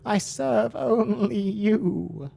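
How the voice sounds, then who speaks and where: A man voicing a frightened, pleading servant creature from a fantasy game, with a quavering, bleating goat-like voice and drawn-out words. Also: high-pitched, gravelly, mellow, a little hiss or hum, voice pushed up, full character voice. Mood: remorseful, begging.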